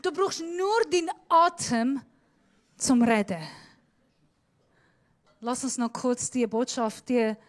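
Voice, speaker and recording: Slow, dramatic, higher-voiced woman preaching. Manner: dramatic, shifting between loud emphasis and hushed near-whisper; slips in Swiss German words. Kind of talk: sermon.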